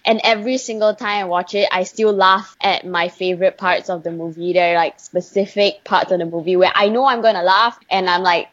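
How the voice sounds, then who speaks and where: A young woman from Malaysia, a singer guest chatting in an interview, lively and quick to laugh. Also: fairly low pitch, no room sound, muffled recording. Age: young adult. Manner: chatty, animated, laughs often. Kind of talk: casual interview chat.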